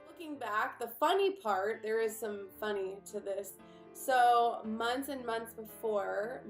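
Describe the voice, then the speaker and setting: A young woman vlogger telling a personal story to the camera in a chatty, animated way. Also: a little high, reverberant. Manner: chatty and animated, with frequent fillers and asides.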